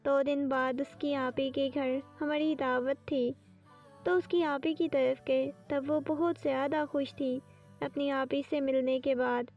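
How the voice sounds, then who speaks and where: A woman narrating a romantic novel audiobook in a steady storytelling manner. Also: high-pitched. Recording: distant dull lo-fi with faint music.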